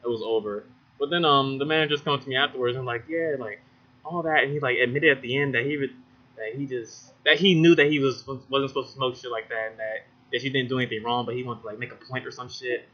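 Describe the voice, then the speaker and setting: A young man telling a story in casual podcast chat, animated and full of crude slang. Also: medium pitch, fast talker. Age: young adult. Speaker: podcast co-host. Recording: dull lo-fi podcast audio.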